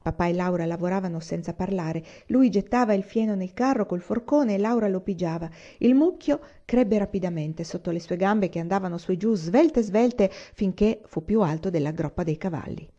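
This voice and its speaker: Lettrice dalla voce morbida, narrazione calma di audiolibro. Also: female voice, mid-range voice, moderate pace, hardly any pauses. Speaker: reader. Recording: slightly dull lo-fi recording.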